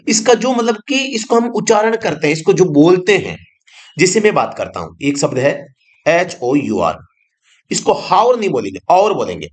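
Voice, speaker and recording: Lively-voiced male teacher. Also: high-pitched. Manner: explains slowly, repeats each word and meaning, asks the class questions. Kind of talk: online exam-prep grammar lesson.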